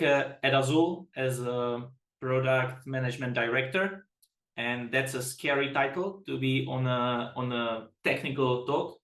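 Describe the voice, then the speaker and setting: A man's voice: mid-range voice, a bit bright, reverberant. A man from the Czech Republic giving a webinar presentation as a product director, chatty and self-deprecating, often restarting his sentences.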